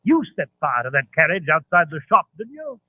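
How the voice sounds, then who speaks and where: An actor playing a genial, admiring gentleman doctor, a detective's loyal companion, in 1940s radio drama style. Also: on the high side, very animated, fairly quick, no echo. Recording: tinny, dry vintage radio recording.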